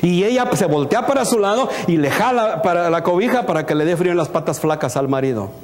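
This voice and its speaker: A pastor preaching a sermon in a church, asking the congregation questions, acting out little scenes and slipping in English words. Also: male voice, sits high, fast talker, slight background noise. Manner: animated, asks the congregation questions and acts out scenes. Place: church hall. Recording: long reverb of a church hall.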